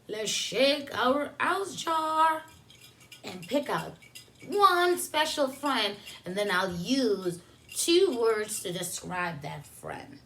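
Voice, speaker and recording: The speaker is a woman who teaches preschool, reading a picture book to small children and pausing to ask them questions and explain things plainly. Her pitch is medium and her tone slightly bright.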